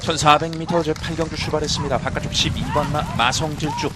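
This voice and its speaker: A man calling a horse race, rattling off horse numbers and names in quick play-by-play. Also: a little high, flat delivery, very noisy. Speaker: race caller.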